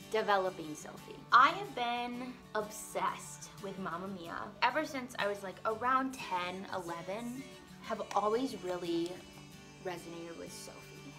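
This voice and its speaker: A young woman in a casual makeup vlog, talking in a loose, rambling way and dropping "like" into nearly every sentence. Her pitch sits in an ordinary middle range for a woman. Clear music plays underneath her voice the whole time. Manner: rambling, fills speech with "like". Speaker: vlogger and stage actress. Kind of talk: casual chatty vlog while doing makeup.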